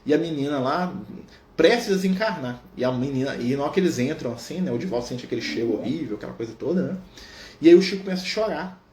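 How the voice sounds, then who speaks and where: A man leading a Spiritist study, telling a story in an animated way and tagging almost every phrase with a questioning "right?". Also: on the high side, quick pace, a crowd in the background. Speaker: Spiritist study group leader. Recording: echoey room with faint noise.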